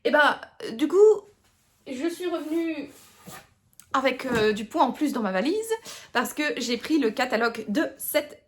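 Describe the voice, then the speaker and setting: A chatty book vlogger from Tournai, Belgium, speaks casually to camera in a Tournai Picard (Belgian French) accent. Her high-pitched female voice is unhurried, with frequent pauses, plenty of fillers and restarts, and a self-mocking streak.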